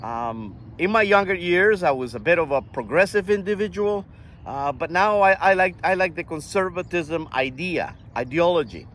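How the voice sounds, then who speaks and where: An older man from Costa Rica talking earnestly in a casual monologue, often halting and restarting his sentences. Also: high-pitched, lively intonation, fairly bright tone. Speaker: vlogger.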